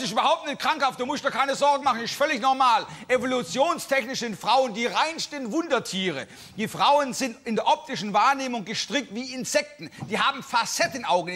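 A man's voice: high voice, a bit bright, slight background noise. A man telling a comic story in a live stand-up monologue, acting out the other people in it and making buzzing noises. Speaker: stand-up comedian. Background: audience laughter.

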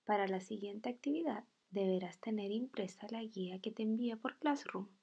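A woman teaching a children's video lesson, reading words slowly and carefully. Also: medium pitch, creaky, mellow, slightly rough, highs cut off.

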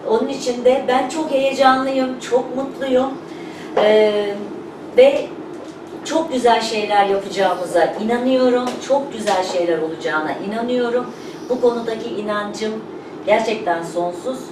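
A woman's voice: on the high side, unhurried. Woman doing an informal thank-you speech, emphatic, repeats herself, echoey and a bit far from mic. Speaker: company representative hosting a showroom opening. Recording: echoey room, distant mic, noisy background.

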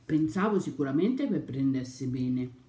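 A woman's voice: a bass voice, lively intonation, a little slow, mellow. A young woman chatting casually on her vlog over breakfast, rambling and sometimes talking with her mouth full. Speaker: YouTuber. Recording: echoey room.

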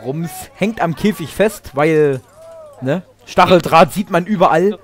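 A man's voice: on the high side, expressive, a little slow. A man giving sarcastic, joking commentary on wrestling in mock indignation.

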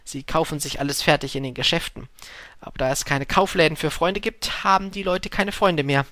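A man voicing a talkative, wistful male fox in an audiobook, speaking up with a lively, pleading tone. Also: fairly high pitch, brisk, dry recording, pitched above the performer's own voice. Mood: earnest. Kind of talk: audiobook reading.

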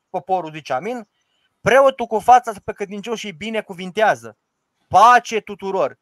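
Male priest, high-pitched, dry close mic; emphatic, rhetorical teacher who recites prayers. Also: no room sound. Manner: emphatic and rhetorical, quotes the liturgy aloud. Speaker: Orthodox priest. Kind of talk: informal teaching discussion.

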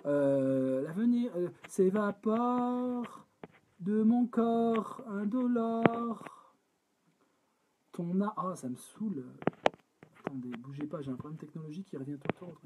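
A man's voice: a little high, animated, very noisy. A French man writing a song live, singing draft lines over guitar and talking through syllable counts with the chat. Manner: sings lines over guitar, then breaks off to talk quickly and softly about syllables. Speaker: songwriter leading a live collaborative session.

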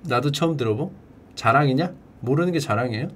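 A man streaming and chatting casually, drilling words by repetition in a playful way and breaking into shouted cheers. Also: animated, fairly quick, slight background noise. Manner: playful, drills words by repeating them in a high echo. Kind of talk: casual livestream chat.

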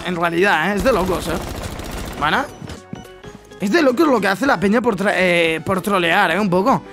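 Excitable Spanish man reacting to gameplay. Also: high voice. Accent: Spain Spanish. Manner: excitable, swears, repeats exclamations. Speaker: gaming YouTuber. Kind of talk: reaction commentary on gameplay clips.

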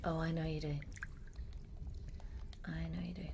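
A woman voicing a nervous, prickly young woman who talks low, quiet and tense in a comedic gaming role-play. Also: animated, moderate pace, slight background noise.

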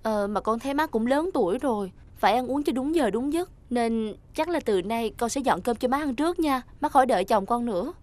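Sly falsely sweet daughter-in-law, played by a woman; higher voice. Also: lively intonation, a little fast, hardly any pauses, darkish tone, natural voice. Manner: falsely sweet, then curt.

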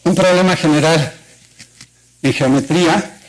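A man's voice: fairly high pitch, measured pace, rough recording. A man with a Mexican Spanish accent giving a university mathematics colloquium talk in an auditorium, explaining step by step and asking the audience rhetorical questions. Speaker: mathematics lecturer. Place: lecture auditorium.

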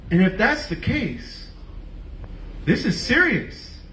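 A male pastor preaching a lively, conversational sermon with casual slang and direct questions to the congregation. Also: sits high, slow, far from the mic. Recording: echoey room, voice from off-mic.

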